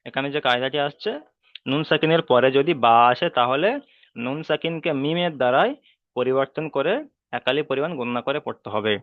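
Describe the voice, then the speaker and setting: A male Quran teacher explains reading rules in a patient, repetitive way and keeps asking his listeners checking questions. He draws out the Arabic sounds slowly when he demonstrates them. His voice sits at a middle pitch and comes through dry and tinny, like a phone line. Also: no room sound. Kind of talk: online tajweed lesson.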